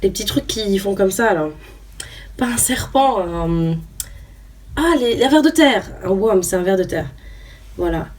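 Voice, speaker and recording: A young woman YouTuber chats casually while opening trading cards, reading each card name aloud, hesitant and full of fillers. Her mid-range, darkish voice is expressive and unhurried with frequent pauses. She sits a bit far from the mic, with faint noise.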